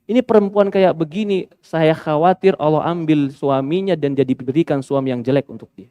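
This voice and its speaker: A male Islamic preacher giving a sermon, asking rhetorical questions and moving between emphatic peaks and quiet asides. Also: fairly high pitch, brisk, clear, resonant tone, no echo.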